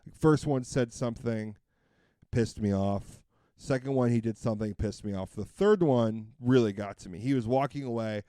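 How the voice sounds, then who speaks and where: A man's voice: mid-range voice, normal speed, warm tone, no room sound, clean studio sound. A man co-hosting a podcast, telling a long casual story with lots of fillers and restarts. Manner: rambling, full of fillers and restarts. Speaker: podcast co-host.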